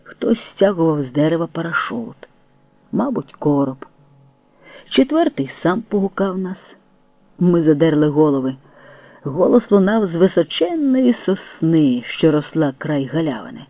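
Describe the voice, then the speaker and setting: A man reading a first-person story aloud as an audiobook narrator, in a steady storytelling manner. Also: on the high side, unhurried, no echo. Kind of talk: scripted narration. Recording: tinny phone-like dry sound.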